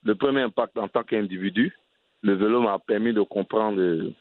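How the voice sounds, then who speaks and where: Ivorian man, cycling advocate guest, earnest, lowish voice, dry thin phone-like audio. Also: normal speed, dry recording. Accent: Ivorian French. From Côte d'Ivoire. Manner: earnest, restarts phrases often. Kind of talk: radio interview answers. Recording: dry, tinny phone-line sound.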